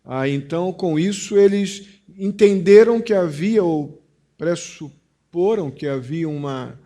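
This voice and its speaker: A pastor with a Brazilian Portuguese accent preaches a sermon, stressing key phrases before dropping into a quiet, confiding tone. His voice is a little high and he takes it slowly.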